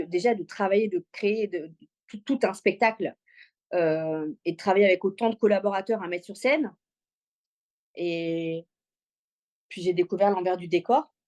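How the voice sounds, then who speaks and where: Chatty and slangy, this comedian appears as a podcast interview guest, telling personal stories in a casual, informal way. Born in Congo, she moved to Belgium at age six, and her mid-range voice is medium-pitched and a little mellow.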